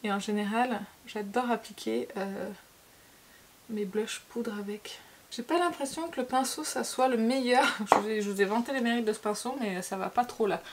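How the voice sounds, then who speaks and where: French woman talking through her makeup, a bit high-pitched, lots of euh and repeats, chatty. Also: moderate pace, noisy background. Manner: chatty, hesitant with frequent fillers and repeated words. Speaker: beauty vlogger. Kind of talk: casual makeup tutorial chat.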